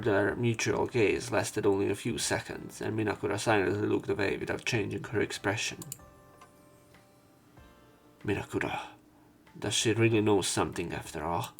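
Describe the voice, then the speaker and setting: Here a male let's player works through a visual novel's narration, stumbling at times and saying some words twice. The voice is lowish and creaky yet fairly bright in tone, over background game music.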